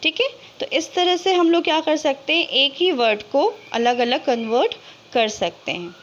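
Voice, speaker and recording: A high-pitched woman explains grammar to her students, posing questions and answering them herself. She slows right down to draw out each example word. The recording sounds dull and lo-fi. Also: a little hiss or hum. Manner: slow, drawn-out reading of example words. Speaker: English grammar teacher. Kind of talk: explanatory lesson in Hindi with English terms.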